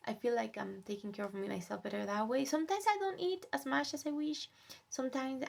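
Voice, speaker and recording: A young woman whose first language is Spanish, talking in a soft, gentle, reflective way in a casual self-care vlog, sometimes dropping to a whisper. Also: high voice, fairly even intonation, brisk, gravelly. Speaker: vlogger.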